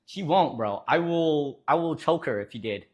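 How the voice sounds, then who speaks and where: Young male streamer, slightly high pitch; loose, joking, rambling chat with viewers. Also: expressive, normal speed, a little mellow, breathy edge. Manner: joking, rambling with many fillers. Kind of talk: casual live-stream chat reading viewers.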